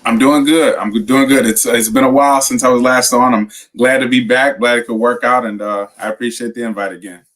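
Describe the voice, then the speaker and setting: A man's voice: mid-range voice, steady tone, fairly quick, few pauses, a bit bright. A man appearing as a guest on a casual podcast chat, talking in a friendly, grateful way.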